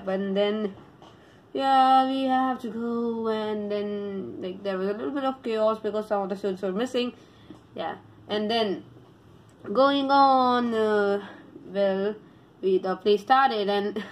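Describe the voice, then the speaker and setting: A woman's voice: medium pitch, a little hiss or hum, rough recording. A woman, telling a story in a casual vlog. She rambles, often restarts her sentences and adds dry sarcasm. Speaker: vlogger.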